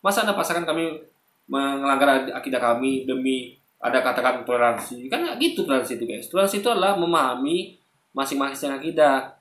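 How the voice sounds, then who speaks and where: A man's voice: medium pitch, fast, roomy sound. A man giving casual, argumentative commentary straight to his viewers, calling them "guys", with many fillers and restarts. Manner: animated, argumentative, often addresses listeners as "guys"; frequent fillers and self-corrections. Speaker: online commentator.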